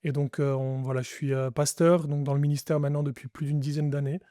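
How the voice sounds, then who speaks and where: A man's voice: on the high side, little pitch movement, fast, mellow, no echo, clean studio sound. A French man, a pastor, giving his testimony in an earnest, reflective way with frequent restarts. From France. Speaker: pastor, podcast guest. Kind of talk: testimony interview.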